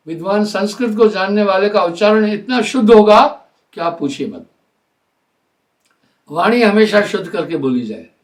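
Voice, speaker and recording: An older man giving a live spiritual discourse in a deliberate, explanatory way, slowing down to spell out sounds. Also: high voice, recorded from a distance. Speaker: spiritual teacher.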